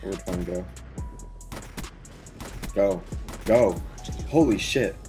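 A man's voice: sits low, drawn-out words, over music. A man chatting casually as a gamer in voice chat.

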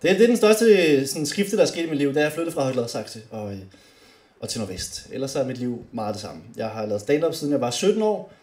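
A young man doing stand-up comedy on a club stage, animated and often shouting his punchlines. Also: medium pitch. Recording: roomy club with faint noise.

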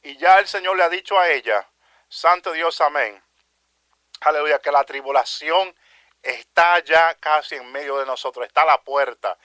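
A man's voice: on the high side, normal speed, sharp tone, no room sound. A man preaching a fervent evangelical sermon, repeating phrases and peppering his speech with exclamations of praise while addressing his listeners as brothers. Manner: peppers speech with "aleluya" and "santo Dios", addresses "mi hermano"; impassioned, repetitive preaching cadence.

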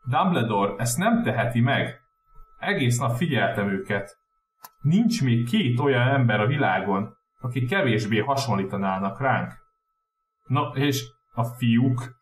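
A man's voice: mid-range voice, expressive, far from the mic, a little hiss or hum, close to an everyday voice. A man voicing a stern, anxious older female professor who stammers when upset, in a roomy room. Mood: indignant.

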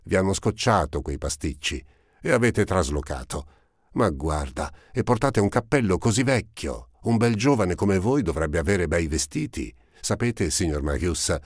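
A man reading an audiobook, voicing a poor, ragged teenage girl who talks eagerly and rambles, in a raised girlish pitch. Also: a little mellow, dry recording, studio quality.

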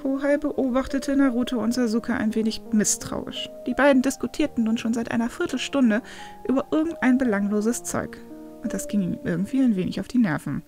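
Fan fiction reader, woman, fairly high voice, even storytelling. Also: a little fast, soft background music. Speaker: narrator. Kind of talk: reading fan fiction aloud.

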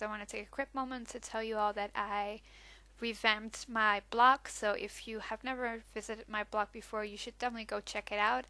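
A woman's voice: medium pitch, no room sound. A woman host giving casual, chatty voice-over narration of her scrapbooking process, with frequent ums. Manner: relaxed and chatty, with frequent ums and small restarts.

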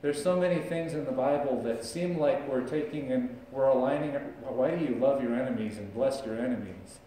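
A man's voice: mid-range voice, moderate pace, distant mic, a little hiss or hum. Middle-aged male pastor preaching in an echoey church. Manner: conversational preaching, animated hand gestures. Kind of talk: sermon. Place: church sanctuary, large indoor room. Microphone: far camera, no visible mic. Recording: echoey church recorded from afar.

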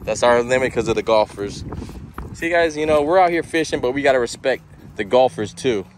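A man's voice: medium pitch, animated, brisk, a little hiss or hum. A man co-hosting a fishing vlog outdoors by a pond, chatting to viewers while he films a friend fighting a fish. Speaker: fishing vlog co-host filming. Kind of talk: casual outdoor vlog chat. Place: outdoors by a golf course pond.

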